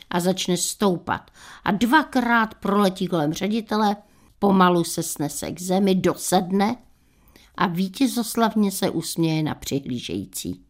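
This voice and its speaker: A woman in her sixties hosting a radio show, telling humorous anecdotes in a dry, unhurried way. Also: medium pitch. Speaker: radio host.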